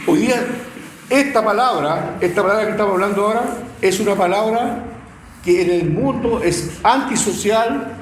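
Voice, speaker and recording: Middle-aged chilean guy preaching, high voice, emotional, repeats words, echoey room. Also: normal speed, slight background noise. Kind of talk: sermon.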